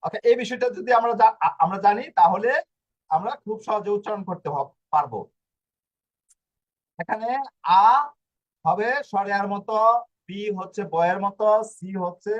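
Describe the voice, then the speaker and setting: Man teaching a language lesson, muffled. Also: sits high. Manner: explains slowly, with many fillers and restarts.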